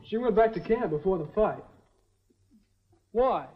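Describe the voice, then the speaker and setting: A man's voice: sits high, expressive, measured pace. A young actor playing an earnest, polite would-be lawman who talks respectfully, in a 1950s TV western. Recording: dull lo-fi old TV sound with faint hiss.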